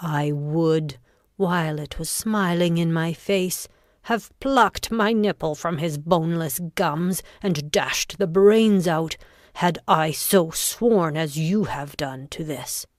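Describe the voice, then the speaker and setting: A woman playing a ruthless, commanding noblewoman in a Shakespearean audio drama, with deliberate, goading delivery of the verse. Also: sits low, no echo, clean studio sound. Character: Lady Macbeth, a ruthless, commanding, scornful noblewoman and wife.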